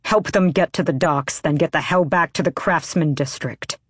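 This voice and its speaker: A woman reading an audiobook, voicing a curt, gruff young male rebel leader in low, quiet tones. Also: moderate pace, no echo, clean studio sound. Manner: curt, terse commands.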